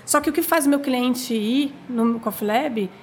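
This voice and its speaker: A middle-aged woman speaks as a guest in a relaxed interview, her voice sitting noticeably high. She tells stories in an animated, chatty way, restarting sentences and filling pauses as she goes. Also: a little hiss or hum. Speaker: guest, coffee business owner. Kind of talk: conversational interview storytelling.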